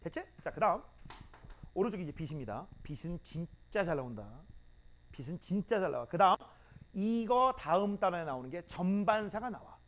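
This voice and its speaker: A man's voice: high voice, big pitch swings, normal speed. A male physics teacher lecturing students in a blunt, teasing way and drilling terms by repeating them. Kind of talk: classroom lecture.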